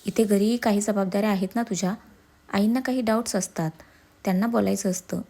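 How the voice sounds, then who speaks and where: A woman voicing a reproachful, sharp-tongued young wife in a storybook reading. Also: mid-range voice, steady tone, brisk, gravelly. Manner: reproachful, sarcastic.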